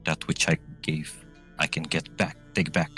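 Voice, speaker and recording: A man voicing a stern, commanding goddess of the underworld in a solemn, deliberate tabletop game performance. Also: very deep voice, level tone, fairly bright tone, faint music behind. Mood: stern, demanding.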